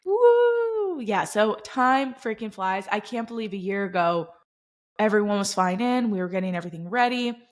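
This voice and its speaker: A woman's voice: mid-range voice, normal speed. A young woman co-hosting a casual podcast chat, enthusiastic and giggly as she talks. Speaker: podcast co-host.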